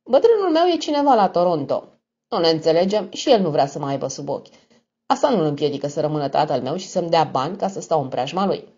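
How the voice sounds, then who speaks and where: A woman's voice: low voice, sing-song, a little mellow, husky, full character voice. A woman voicing a smug, mocking young male blackmailer with an affected tone. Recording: dull lo-fi recording.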